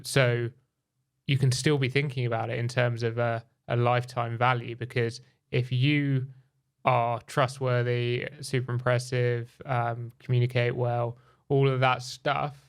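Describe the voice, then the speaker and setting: Smooth, even-toned male interviewer. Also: medium pitch. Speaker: podcast host. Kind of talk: casual interview talk.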